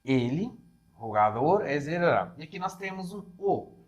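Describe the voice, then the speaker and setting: A man's voice: fairly high pitch, very animated, a little slow. A man with a Brazilian Portuguese accent, a Spanish teacher giving an exam-prep lecture who explains patiently and keeps checking in with his students. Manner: explains patiently, checks in with "tá?" after each point.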